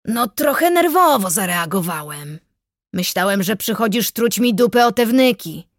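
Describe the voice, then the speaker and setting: A woman voicing a huge, bearded, hot-tempered male forester who shouts in rough rustic speech, in an audiobook reading. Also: mid-range voice, lively intonation, normal speed, dry recording, close to an everyday voice. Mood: gruff jovial. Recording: dry close studio sound.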